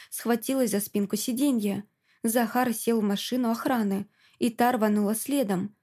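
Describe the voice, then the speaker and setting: A woman narrating a first-person audiobook with a steady, expressive reading. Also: fairly high pitch.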